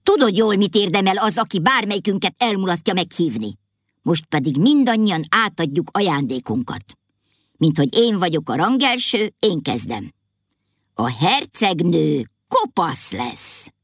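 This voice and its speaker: A woman's voice: lowish voice, sing-song, slightly rough, no echo, studio quality, full character voice. A woman playing a spiteful old wicked fairy. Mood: gloating. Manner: angry, gloating. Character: oldest, most wicked female fairy, spiteful and mocking.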